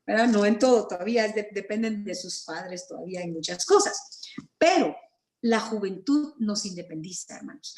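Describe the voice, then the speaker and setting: A Guatemalan woman teaching a Bible study over a video call, earnest and story-driven, clearing her throat now and then. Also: mid-range voice, roomy sound. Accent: Guatemalan Spanish.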